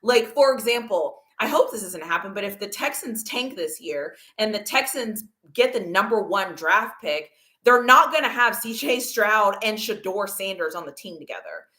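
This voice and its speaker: A woman's voice: medium pitch, lively intonation, normal speed, hardly any pauses, pushed and bright. A woman hosting a casual football livestream, talking to her chat in an emphatic, argumentative way. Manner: talks to chat viewers. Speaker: livestream host.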